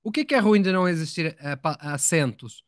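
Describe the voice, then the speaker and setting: A man's voice: fairly high pitch, expressive, fairly quick, no echo, clean studio sound. A man teaching English in a live online lesson, explaining patiently, repeating words and asking his students questions.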